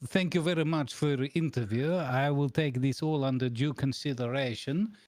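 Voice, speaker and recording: A man playing a deadpan, bossy boss who interviews absurd job candidates in a mock-formal, deliberate way on an improvised comedy stream. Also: mid-range voice, dry recording, studio quality, pitched below the performer's own voice, close to an everyday voice. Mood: mock-formal, patient. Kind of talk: improvised comedy role-play.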